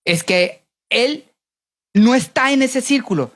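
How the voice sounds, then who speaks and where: A woman voicing a sly, calm male royal adviser who speaks in a knowing tone in a sermon story. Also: a little high, slow, pitched above the performer's own voice.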